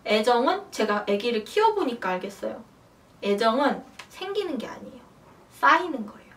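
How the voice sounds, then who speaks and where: A young woman vlogger tells a personal story to camera in a relaxed, chatty way at a moderate pace. Her voice sits a little high, and she acts out her own past lines in animated bursts. She is recorded from a distance, a bit away from the microphone.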